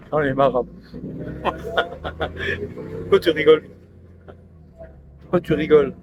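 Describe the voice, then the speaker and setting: A man's voice: a little high, noisy background. A man chatting loosely to his live stream viewers on a headset, rambling and laughing often.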